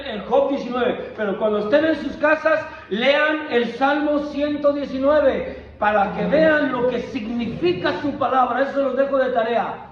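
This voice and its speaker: High-voiced pastor preaching in an echoey room. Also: male voice. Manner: fervent, repetitive preaching with frequent restarts. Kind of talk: sermon. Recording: echoey room, dull lo-fi sound.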